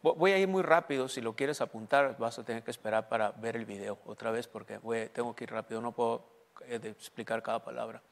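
A man's voice: medium pitch, a little fast, gravelly. A man preaching a bilingual sermon in Spanish and English, often asking his congregation questions and reading scripture aloud. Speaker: pastor. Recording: long hall reverb.

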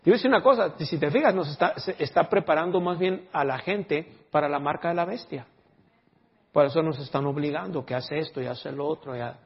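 A man preaching a sermon, lively and acting out dialogue, now and then slipping into English words. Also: a little high, brisk, husky, muffled recording. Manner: lively, acts out quoted dialogue.

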